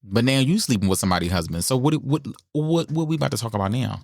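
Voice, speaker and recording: Man, low and gravelly, dry close mic; blunt opinionated podcast co-host. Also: fast, dry recording. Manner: blunt, opinionated, animated ranting. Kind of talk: casual reality-TV gossip chat.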